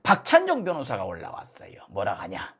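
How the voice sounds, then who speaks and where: A man's voice: on the low side, wildly swooping pitch, fairly quick, fairly bright tone, slightly rough. A man giving a political commentary monologue, full of sarcastic, mocking rhetorical questions.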